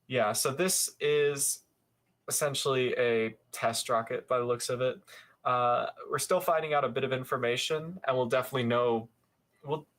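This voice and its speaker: A young man hosting a live show, giving casual commentary over footage, rambling with many fillers and quick self-corrections. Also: mid-range voice, fairly bright tone.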